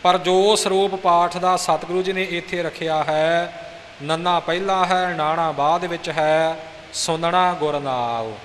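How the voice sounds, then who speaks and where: A man's voice: on the high side, fairly even intonation, unhurried, a bit bright. A man teaching the correct pronunciation of scripture recitation, patient and instructive, repeating phrases to model them. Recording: hissy recording with long reverb.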